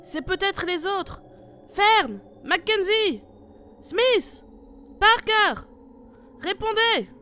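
A woman's voice: medium pitch, a little slow, long pauses, a bit bright, lightly acted. A woman voicing a tough female squad leader in an amateur horror audio drama, giving curt, commanding orders. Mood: frantic. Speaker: team leader.

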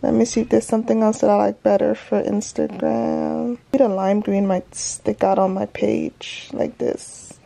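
A woman vlogger talks straight to her viewers in a loose, informal way as she records her day on a handheld phone. Her voice sits at an ordinary middle pitch, and her delivery stays easy and conversational. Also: flat delivery, measured pace, vocal fry, hardly any pauses, dark tone. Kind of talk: casual day-in-the-life vlog chat.

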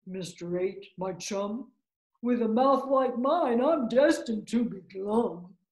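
A woman's voice: a little high, lively intonation, slow pace, a little mellow. A woman voicing a mopey male fish in a children's storybook, with a woeful, theatrical sing-song delivery. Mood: glum, woeful. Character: gloomy, mopey male pout-faced cartoon fish. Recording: roomy indoor echo.

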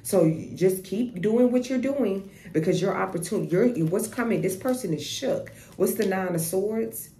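A woman's voice: medium pitch, expressive, moderate pace, hardly any pauses, mellow. Profane, blunt woman tarot reader. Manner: blunt, profane, repeats herself and restarts. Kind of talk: casual tarot reading monologue. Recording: echoey room with faint noise.

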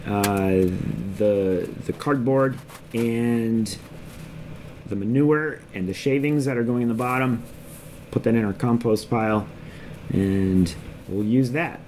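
Taking his time, a man in his thirties narrates a homestead how-to vlog in a basement workshop, his medium-pitched voice darkish in tone. He's relaxed and rambling, saying um a lot. The body-mounted action camera captures the noisy space, where chickens cluck and chicks cheep.

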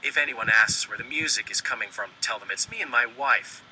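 A text-to-speech male voice reading the lines of a worried middle-aged innkeeper in a flat synthetic manner. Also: medium pitch, brisk, slight background noise, rough recording.

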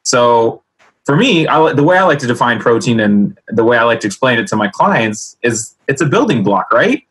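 A man from the United States, an energetic and jokey sports dietitian co-hosting a casual podcast chat. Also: mid-range voice, normal speed, slightly rough, low-quality recording. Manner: energetic, jokey, laughs often.

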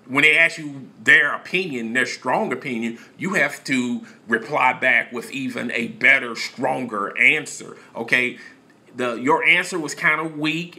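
A man's voice: medium pitch, bright, forceful tone. A man giving opinionated, lecturing commentary in a casual voice-over.

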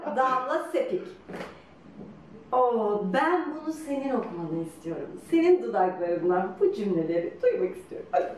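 A woman telling a story in a lively, teasing way, laughing often as she talks. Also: fairly high pitch, moderate pace, slight background noise. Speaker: guest telling her couple's story. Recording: roomy echo from a distance.

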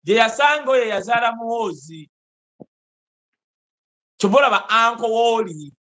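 A Ugandan man in his forties giving emphatic, animated political commentary over a video call from an indoor room. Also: extremely high pitch, normal speed, a crowd in the background. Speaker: host. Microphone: video call webcam.

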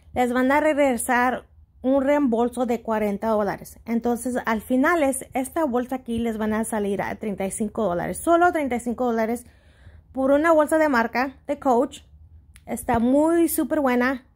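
A woman's voice: sits high, moderate pace. A woman in her Spanish, hosting a casual step-by-step tutorial, a little hesitant and mixing in English words. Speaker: host of a shopping tutorial channel.

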